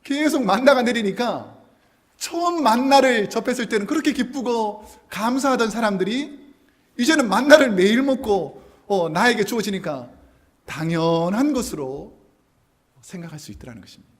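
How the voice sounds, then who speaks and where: A man's voice: high-pitched, moderate pace. A man preaching a sermon, telling stories with animation and acting out what people said. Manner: animated storytelling, acting out quoted lines. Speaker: pastor.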